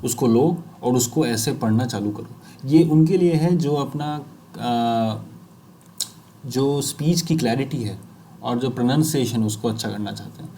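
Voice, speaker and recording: Slow, deliberate Indian man teaching speech. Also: mid-range voice, warm tone, slight background noise. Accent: Indian English. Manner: reads word by word with pauses; mixes Hindi with English. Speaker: speech fluency coach. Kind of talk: slow instructional demonstration.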